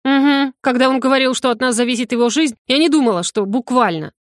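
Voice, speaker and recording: A flustered young student girl, as a woman narrator puts her on, protesting in a raised, exclaiming voice. She argues back quickly and sounds indignant. The recording is dry and close. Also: no room sound, natural voice. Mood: grumbling. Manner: high, exclaiming, argumentative. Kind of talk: audiobook character voice.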